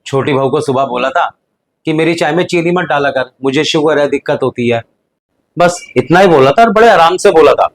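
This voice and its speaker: A man playing a calm, patient elder brother. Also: a little high, brisk. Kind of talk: Hindi family drama acting.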